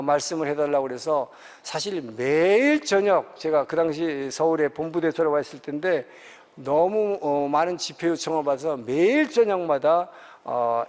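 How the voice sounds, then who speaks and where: A middle-aged man, a pastor, telling his own story in a sermon, pausing often with fillers. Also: a little high, darkish tone. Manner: storytelling, with frequent pauses and fillers. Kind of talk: sermon testimony. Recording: long hall reverb.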